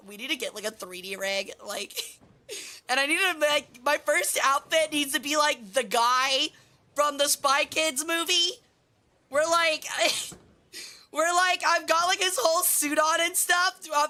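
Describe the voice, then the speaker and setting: A woman livestreaming in a cute anime-streamer manner, chatting with viewers in a bubbly, animated way and exclaiming her greetings. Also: high voice. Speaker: VTuber streamer, host.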